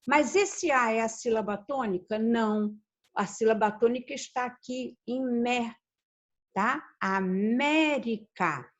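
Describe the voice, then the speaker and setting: Slow, deliberate woman teaching Spanish. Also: mid-range voice. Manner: slow, deliberate, spells out letters and repeats words; asks the class questions, then answers them. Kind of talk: recorded online class. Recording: dull lo-fi recording.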